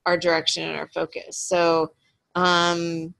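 A woman's voice: fairly low pitch, monotone, measured pace, creaky, fairly bright tone. A woman hosting a team video call, chatty and upbeat, with lots of fillers and laughter. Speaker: meeting host. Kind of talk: casual video call meeting.

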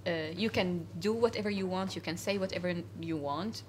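A young Syrian woman with a lowish voice talks a little fast, with a faint hiss or hum in the audio. She's a guest in a casual interview in an indoor cafe, speaking earnestly with lots of fillers and restarts.

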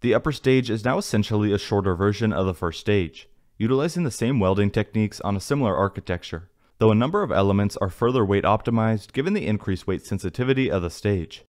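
A man narrating a technical script in an even, read-aloud manner. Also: lowish voice, fast talker, few pauses. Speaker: narrator of a space news channel. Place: voice-over, not in the pictured places.

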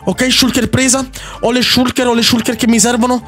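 A young man giving excitable gameplay commentary, repeating himself rapidly and teasing his opponent. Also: extremely high pitch. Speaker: Minecraft YouTuber.

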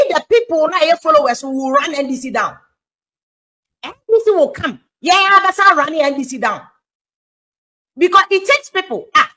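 A Ghanaian woman giving political commentary on a talk show, animated, mixing English with Twi. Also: sits high, low-quality recording.

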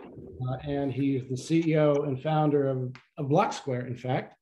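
A man moderating an online workshop, introducing the next speaker in a relaxed way with some hesitant fillers. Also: mid-range voice, moderate pace, highs cut off, a little hiss or hum.

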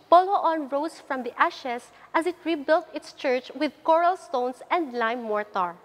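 A young woman presents to camera in a bright, high voice. Her delivery is upbeat and practiced, and a lapel mic picks her up clearly around an old stone church and its grounds. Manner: cheerful, upbeat delivery of a memorized script. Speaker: program host.

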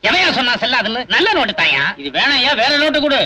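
A man's voice: very high-pitched, big pitch swings, quick pace, pushed and bright, heavily acted. A man acting in a comic film as a cheeky cardplayer who mutters to himself and teases others. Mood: grumbling. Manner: teasing, chattering to himself. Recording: faint film soundtrack hiss.

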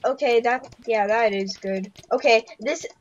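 A young woman with a high, bright voice chatters excitably through a game session, rambling from one thought to the next. The sound is slightly dull and lo-fi, like a cheap headset mic. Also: unhurried. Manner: excitable, rambling, giggly asides. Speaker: gaming channel host. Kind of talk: casual gameplay commentary.

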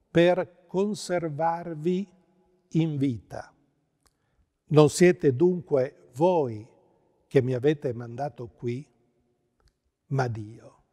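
Middle-aged Italian male pastor, measured sermon delivery, warm low tone, long church reverb. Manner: slow, measured preaching with emphatic stresses. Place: church with pipe organ behind.

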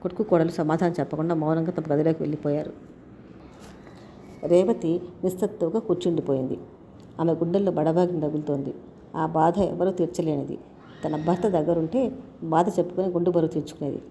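A woman reads a family story aloud, voicing each character's lines herself without changing her voice much. Her voice sits a little low and mellow. A faint hiss of noise runs under the recording. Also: steady tone, a little fast, long pauses. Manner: reads all characters' dialogue in her own voice. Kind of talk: scripted story narration.

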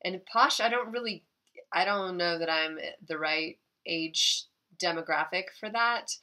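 A woman's voice: lowish voice, measured pace, bright, forceful tone, dry recording. A woman with a congested, nasal voice from a cold, chatting casually through her sales recap, rambling and correcting herself. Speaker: eBay reseller vlogger.

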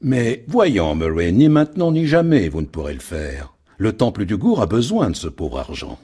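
Scheming shipowner, voiced by a man: metallic, mocking, high and husky, lively delivery. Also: normal speed. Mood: gloating. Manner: mocking, gloating. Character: greedy scheming middle-aged male shipowner.

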